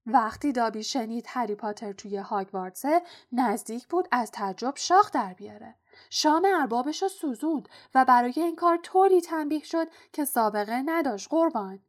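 Pitiful male house-elf for an audiobook, high and strained, devoted and nervous; a woman reads him. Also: animated. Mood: fretful. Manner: squeaky, fretful and pleading.

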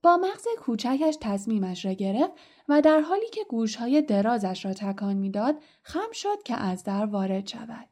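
A woman narrating an audiobook with expressive storytelling that drops to a hush in tense moments. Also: a little high. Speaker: audiobook reader.

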